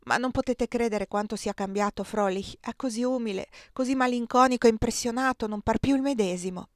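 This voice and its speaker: A woman reading an audiobook, voicing an anxious, earnest young woman who pleads and rises to high exclamations. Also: brisk, dry recording, clean studio sound, close to an everyday voice.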